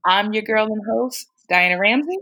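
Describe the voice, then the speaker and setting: A woman's voice: mid-range voice, lively intonation, moderate pace, sharp tone. A woman hosting a podcast, chatting casually and playfully teasing her co-host, often with a laugh. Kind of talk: casual chat.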